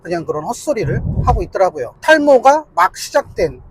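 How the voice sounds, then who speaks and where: A man's voice: sits high, very animated, brisk, a little hiss or hum, poor audio. A man giving a casual political commentary monologue, argumentative and insistent, repeating his points to hammer them home.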